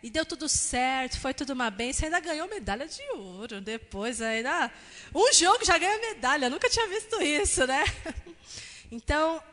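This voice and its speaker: A woman's voice: high-pitched, expressive, normal speed, a bit bright, long reverb tail. A woman pastor with a Brazilian Portuguese accent giving a sermon, telling personal family stories in a chatty way with frequent tag questions. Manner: chatty, frequent "né?" tags, acts out quotes of family. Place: church hall.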